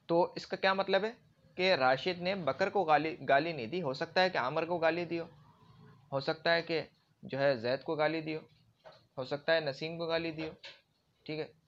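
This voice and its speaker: In a classroom-style lecture, a man teaches Arabic grammar using everyday examples and frequently checks that his listeners are following. His voice is a little high and a bit bright, captured on a dull, lo-fi recording.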